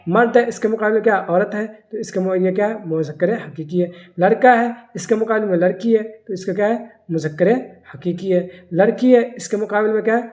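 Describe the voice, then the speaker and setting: A teacher giving a grammar lesson, asking questions aloud and answering them, and repeating key words slowly. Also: mid-range voice, a little mellow. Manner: asks the class questions and answers them himself.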